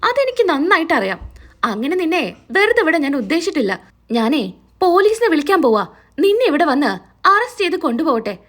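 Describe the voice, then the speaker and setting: A woman's voice: high voice, very animated, brisk, a bit bright. A woman reading the lines of a stubborn, angry man who accuses a visitor and threatens to call the police. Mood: accusing. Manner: accusing, harsh.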